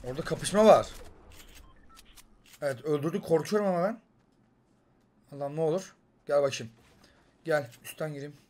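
Excitable young Turkish gamer. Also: male voice, fairly high pitch, moderate pace, long pauses. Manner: excitable, jumps between loud outbursts and muttering. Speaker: gaming YouTuber. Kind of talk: excited gameplay commentary.

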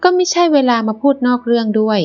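A woman's voice: on the high side, animated, fast, a little mellow, dull audio, soft background music, lightly acted. A woman reading an audiobook, voicing a petulant, jealous young woman. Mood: irritated. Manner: petulant, pouty.

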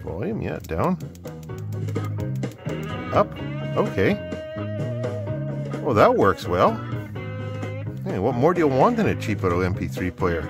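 A middle-aged man, host of an electronics mailbag video, narrates casually at an indoor workbench as he unboxes and tests gadgets, rambling and muttering to himself. His mid-range voice swings hugely in pitch, moving slowly with frequent pauses. Loud music plays behind him.

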